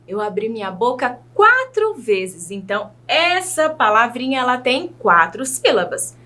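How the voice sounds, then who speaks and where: Woman, Brazilian Portuguese accent, teacher, children's video lesson, patient, very lively pitch, slow careful speech. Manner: slow, careful syllable-by-syllable enunciation; patient, addresses young pupils directly.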